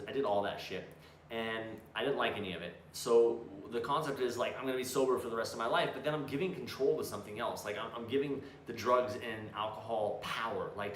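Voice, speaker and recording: A man in casual chat, telling stories bluntly with a lot of swearing and restarts. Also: fairly low pitch. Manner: blunt, profane storyteller with many restarts. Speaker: co-host. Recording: roomy echo, faint background noise.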